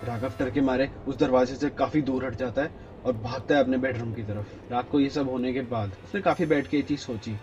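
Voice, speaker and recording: A man's voice: fairly even intonation, fairly quick, darkish tone, a little hiss or hum. Man telling a suspenseful horror story. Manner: suspenseful, dropping low on tense moments. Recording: dull lo-fi with faint music.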